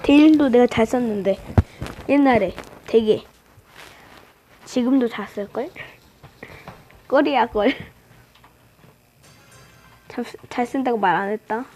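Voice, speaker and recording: A woman's voice: on the high side, slow, pauses often, dark tone, low-quality recording. A woman commenting on her own gameplay as a channel host, playfully teasing and trash-talking her opponents. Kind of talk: live game commentary.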